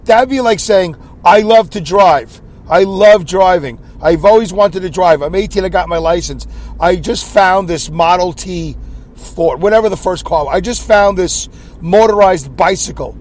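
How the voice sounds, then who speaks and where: A scratchy-voiced podcast host with a high, slightly mellow voice rambles through a solo monologue at a measured pace while sitting inside a car. He's self-deprecating and clears his throat frequently.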